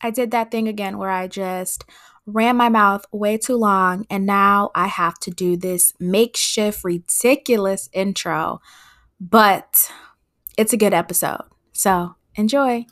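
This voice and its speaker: A woman's voice: medium pitch, fairly even intonation, a little slow, fairly bright tone. A woman hosting her own podcast in casual, rambling chat, her voice nasal from congested sinuses. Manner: chatty, rambling with frequent fillers. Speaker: podcast host.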